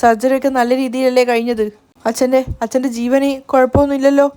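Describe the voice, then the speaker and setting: A woman's voice: sits high, flat delivery, quick pace, dark tone, smooth, close to an everyday voice. A woman reading the lines of an anxious, tearful young man pleading for his father. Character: anxious grieving young man, a devoted son.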